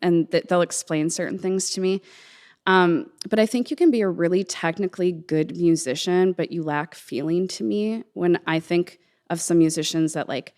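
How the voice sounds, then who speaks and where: Low-voiced woman talking casually and earnestly. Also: normal speed, darkish tone. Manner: informal, earnest, thinking aloud. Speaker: interview guest, musician and songwriter. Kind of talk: casual reflective conversation.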